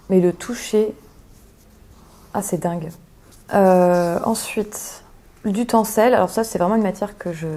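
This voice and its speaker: A woman's voice: medium pitch, mellow. A young woman chatting casually as a sewing vlogger, thinking aloud with lots of hesitations as she describes fabrics. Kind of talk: casual chat.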